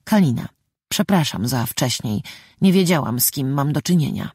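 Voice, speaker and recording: Woman playing a young girl, stammering, nervous, cheeky, lively pitch, dry close mic. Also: moderate pace, husky, dry recording, exaggerated voice. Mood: flustered. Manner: stammering, higher and brighter than the narration. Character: flustered nineteen-year-old girl, quick-tongued and nervous. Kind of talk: audiobook character voice.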